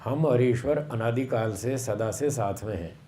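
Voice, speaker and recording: A man giving a sermon on scripture, slow and explanatory, repeating phrases for emphasis. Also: medium pitch, warm tone, slight background noise. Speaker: swami giving a Vedic discourse.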